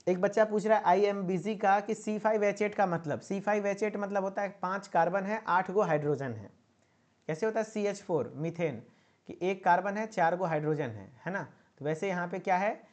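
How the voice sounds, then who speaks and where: A pharmacy teacher gives an online exam-prep lecture, his voice high-pitched and his pace moderate. He repeats points and checks in with students using a coaxing "okay?".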